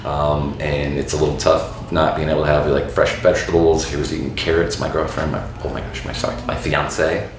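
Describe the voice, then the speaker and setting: A man in his thirties from Florida speaks in a low voice, casual and frank, with plenty of um's and uh's. He is a dental patient giving a testimonial to camera. The sound is very echoey, with a faint hiss of noise behind him. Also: brisk, few pauses. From Florida, USA. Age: 30s. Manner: relaxed, frank, many fillers and um's.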